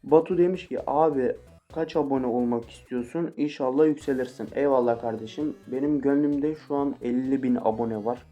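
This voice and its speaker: A man's voice: mid-range voice, moderate pace, dark tone, highs cut off. An eighteen-year-old man answering viewer questions in a casual vlog, joking and swearing with mock-angry outbursts. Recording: faint guitar music behind.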